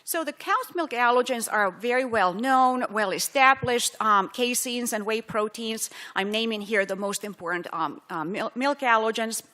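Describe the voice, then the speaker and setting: A middle-aged woman from Finland giving a scientific conference lecture, explaining carefully with many pauses and fillers. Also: on the high side, sharp tone. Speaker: physician researcher giving a conference talk.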